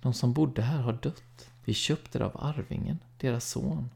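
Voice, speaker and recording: A man with a gravelly voice voicing a dazed, distant mother who answers in a flat, toneless way. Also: mid-range voice, pitched above the performer's own voice, close to an everyday voice.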